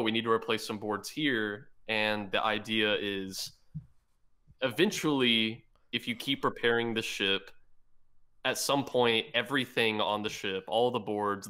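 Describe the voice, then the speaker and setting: Low, bright-voiced man chatting. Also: smooth. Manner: explains step by step, thinking aloud. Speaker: podcast co-host. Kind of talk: casual chat.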